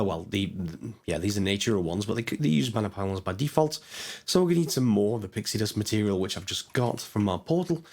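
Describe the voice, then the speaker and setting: A man with a hoarse voice, chatting casually as he narrates his gameplay, thinking aloud with lots of fillers. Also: on the low side, a little mellow. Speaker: gaming channel host. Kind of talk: casual let's-play commentary.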